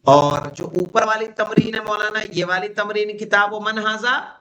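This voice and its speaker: A man whose first language is Urdu, teaching an Arabic grammar class, reading Arabic phrases slowly and translating them, with frequent check questions to students. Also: sits high, steady tone, noisy background. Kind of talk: classroom lesson.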